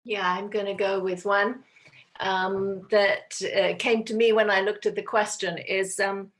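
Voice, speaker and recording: A woman's voice: medium pitch, little pitch movement, a little slow. A woman trainer giving a sincere, reflective account over a video call. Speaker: nonviolent communication trainer. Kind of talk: personal reflection in a group call.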